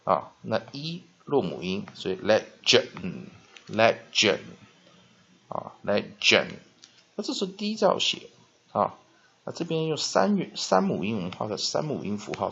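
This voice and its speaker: In this dull lo-fi clip, a man with a lowish, gravelly, husky voice works through English vocabulary at a whiteboard. He goes step by step, spells the words out, and keeps lengthening a filler "ah."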